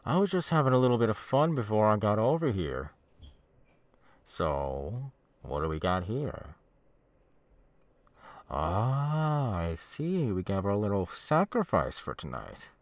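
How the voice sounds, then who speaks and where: An ASMR voice actor plays a masked demon's henchman in a horror roleplay, sinister, chatty, smug, and teasing, both soothing and threatening at once. His low, gravelly voice is very animated yet rambles haltingly and unhurriedly. It's recorded dry and close, with no room sound.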